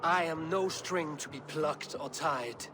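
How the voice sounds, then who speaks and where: An actor playing a commanding Norse high god in a video game, grave and imperious, with dramatic delivery. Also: male voice, slow, background noise. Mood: brooding, defiant. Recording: music under the voice.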